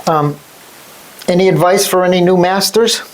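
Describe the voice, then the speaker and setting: Man, high-pitched voice, interviewer, short friendly questions. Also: fairly even intonation, moderate pace, a little hiss or hum, low-quality recording. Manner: brief questions and soft encouragements. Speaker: interviewer, lodge member. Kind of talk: casual oral-history interview.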